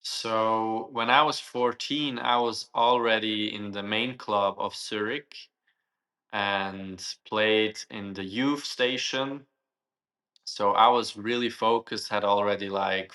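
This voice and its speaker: A man's voice: on the low side, fairly even intonation, slow, bright, forceful tone. A young man from Switzerland, a guest answering interview questions thoughtfully and searching for his words.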